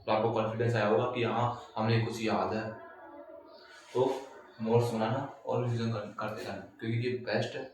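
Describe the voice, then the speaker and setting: Male teacher at a distance from the mic, lecturing in a boomy room with faint noise, drills points by asking questions. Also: level tone, moderate pace, heavy reverb. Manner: repeats points and quizzes listeners with questions. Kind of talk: recorded class lecture.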